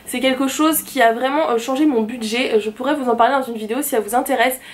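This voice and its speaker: A woman's voice: high-pitched, fast talker. A young woman vlogger chatting eagerly about her planners in a casual show-and-tell. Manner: chatty and enthusiastic, gushing.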